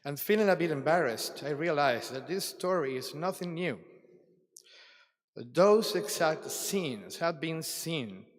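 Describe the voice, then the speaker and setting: A man giving a formal, reflective address at a conference closing ceremony, with deliberate dramatic pauses. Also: a little high, animated. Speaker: ceremony speaker. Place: large hall at a ceremony. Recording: long reverb of a large hall.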